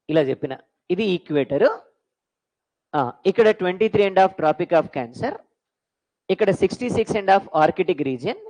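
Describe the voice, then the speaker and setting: Lively quizzing woman teacher. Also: medium pitch, poor audio. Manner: quizzing students with call-and-response questions; mixes English phrases into Telugu. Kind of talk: classroom lecture for exam prep.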